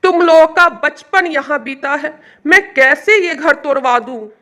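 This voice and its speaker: A woman's voice: high-pitched, a little slow, fairly bright tone. A woman voicing a weary elderly mother-in-law who sighs and scolds her sons. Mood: bitter scolding. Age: older. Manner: sighing, scolding.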